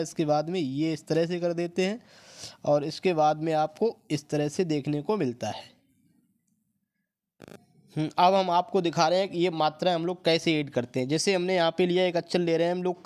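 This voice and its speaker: A man teaching a step-by-step lesson, explaining slowly, repeating sounds and often adding filler checks. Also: high voice, darkish tone.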